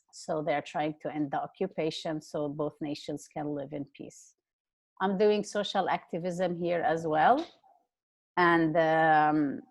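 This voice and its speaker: A woman who works as a peace activist and therapist, speaking in a reflective, halting way with pauses and fillers. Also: sits low, darkish tone. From Palestinian, raised in Jordan. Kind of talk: casual conversation.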